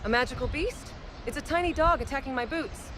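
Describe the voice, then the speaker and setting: A woman's voice: high-pitched, fairly quick, a bit bright, a little hiss or hum. A woman playing a practical, skeptical adventurer in a fantasy comedy, wry and exasperated. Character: practical, skeptical, dryly sarcastic female adventurer. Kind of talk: scripted fantasy comedy dialogue.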